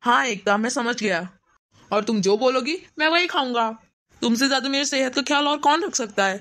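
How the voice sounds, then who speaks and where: A woman's voice: high-pitched, brisk, a bit bright. A woman voicing a young married man in a cartoon, curt and impatient with his mother. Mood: agreeable. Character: young married man, meek and dismissive son. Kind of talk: cartoon voice acting.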